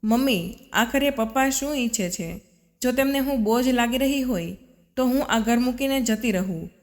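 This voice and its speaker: A woman voicing a proud, headstrong young wife who speaks with sharp, indignant reproach, in a storybook reading. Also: a little high, moderate pace, lightly acted. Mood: furious. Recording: long reverb.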